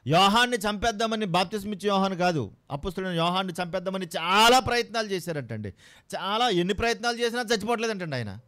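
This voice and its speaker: Impassioned male preacher, slightly high voice. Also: lively intonation, fast, pushed and bright. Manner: impassioned, full of rhetorical questions to the congregation. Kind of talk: sermon.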